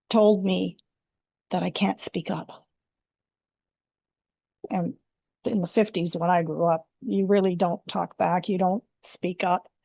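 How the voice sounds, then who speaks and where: A woman's voice: lowish voice, creaky, dark tone, dry recording, clean studio sound. An older woman from Canada, a life coach, telling her personal story earnestly and reflectively in an interview. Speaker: guest, women's life coach.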